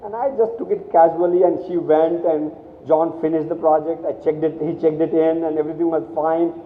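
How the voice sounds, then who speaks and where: A man's voice: fairly high pitch, level tone, a little fast, a little hiss or hum. A man from India giving a motivational speech to students, telling stories animatedly with many restarts and repeated words. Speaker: guest speaker at a college. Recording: echoey hall, thin phone-like sound.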